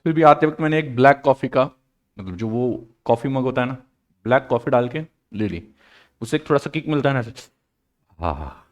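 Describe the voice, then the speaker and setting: A man's voice: medium pitch, expressive, moderate pace. A man teaching accounts in a live online lecture, playful and joking, with English phrases mixed in.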